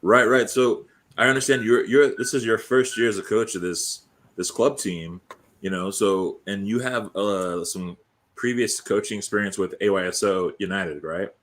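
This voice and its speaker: A man's voice: lowish voice, fairly even intonation, moderate pace, fairly bright tone. A man hosting an interview, asking questions in a casual, rambling and informal way. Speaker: interviewer, host.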